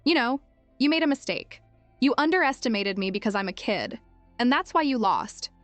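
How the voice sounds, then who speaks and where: A woman's voice: on the high side, expressive, moderate pace, dry recording, faint music behind, natural voice. A woman voicing a cold, calculating five-year-old boy who talks with cool, clipped mockery.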